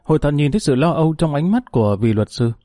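Mellow male audiobook narrator. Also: a little high, lively intonation, fast, no echo, studio quality.

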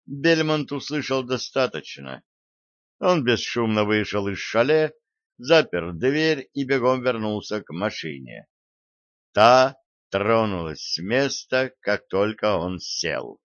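Male audiobook narrator, slow measured read, lowish voice, dull dry lo-fi sound. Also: no echo. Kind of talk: scripted narration.

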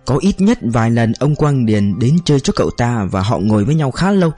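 A man's voice: mid-range voice, big pitch swings, fairly quick, dark tone, breathy edge, faint music behind. A man doing a polite young police agent. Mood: reporting. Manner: respectful, deferential.

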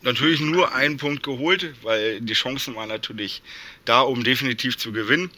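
A man's voice: medium pitch, fairly quick, sharp tone. A man talking casually about football as a fan guest on a podcast.

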